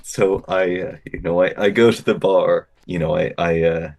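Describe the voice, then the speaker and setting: A man with a fairly low voice tells a humorous personal story in casual podcast conversation. He is wry and self-deprecating. His delivery is halting, with stammers and repeated phrases. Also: steady tone, gravelly, a little mellow. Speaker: guest telling an anecdote.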